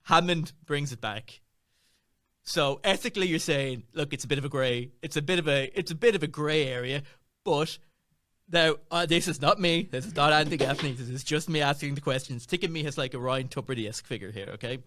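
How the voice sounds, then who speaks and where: A man's voice: a little high, brisk, sharp tone. A man hosting a casual panel chat, playfully teasing as devil's advocate.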